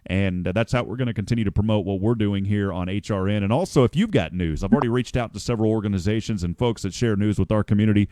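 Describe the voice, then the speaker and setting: A lower-pitched man hosts a casual morning radio show, rambling through the news and fixing his own words mid-sentence. His voice sits close and dry in the studio mic, with no room around it. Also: fast, hardly any pauses, dark tone, no echo. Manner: rambling, self-correcting, chatty.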